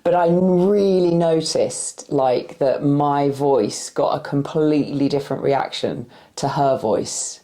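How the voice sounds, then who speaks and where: A tired woman in her forties from West London speaks in a low, warm voice at a slow pace with hardly any pauses. Her accent is West London with a slight Irish-tinged R. Working as a movement practitioner, she answers interview questions thoughtfully, with many fillers and restarts, and her voice sounds a little cracky.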